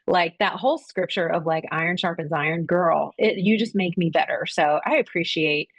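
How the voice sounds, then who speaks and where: A woman's voice: fairly low pitch, normal speed. A woman hosting a podcast in casual chat, effusive, enthusiastic and affectionate toward her guests. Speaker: podcast host.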